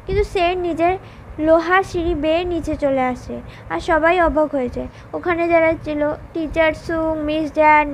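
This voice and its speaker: Female storyteller with a very high-pitched voice, plainly retelling an episode, faint background noise. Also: poor audio. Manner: quick plain storytelling that reads out the characters' lines in her own voice. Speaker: drama recap narrator. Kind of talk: retelling a drama episode with quoted dialogue.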